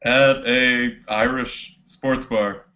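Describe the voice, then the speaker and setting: A man's voice: mid-range voice, steady tone, very slow, pushed and bright, dull audio. A man giving brief, matter-of-fact answers in a casual podcast chat. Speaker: podcast guest.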